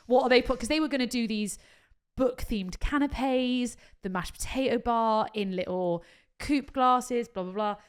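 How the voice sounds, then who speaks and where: A woman in her thirties with a fairly high voice tells stories in casual podcast chat. She swears freely, laughs often and rambles through her stories. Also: unhurried, few pauses, clear, resonant tone. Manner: chatty, swearing, laughing storyteller. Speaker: podcast co-host.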